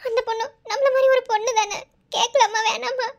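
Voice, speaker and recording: A shrill cartoon med student in pain. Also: female voice, steady tone, fairly quick, gravelly, dull audio, very noisy. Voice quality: very high, bright girlish voice.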